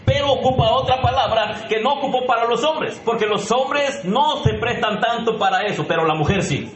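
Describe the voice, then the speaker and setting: A man's voice: very high-pitched, normal speed, fairly bright tone, reverberant, low-quality recording. A man preaching a sermon as pastor, emphatic and questioning the congregation directly. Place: church sanctuary.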